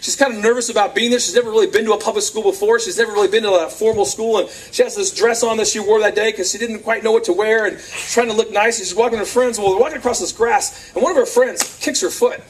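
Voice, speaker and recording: A man giving a lively youth sermon, acting out quotes and laughing often, recorded on a camcorder from across the room. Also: sits high, quick pace, few pauses, slight background noise. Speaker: youth speaker. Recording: distant camcorder sound, faint crowd.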